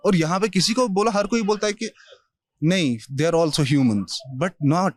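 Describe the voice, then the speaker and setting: A man discussing thoughtfully, measured, mixing English phrases into his Hindi. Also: high-pitched, no room sound. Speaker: interview guest. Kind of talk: conversational discussion.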